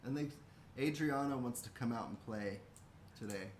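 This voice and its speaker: A man's voice: medium pitch, normal speed. An American man co-hosting a casual livestream, speaking hesitantly and repeating himself. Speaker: co-host. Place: indoor room. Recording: roomy echo, faint background noise.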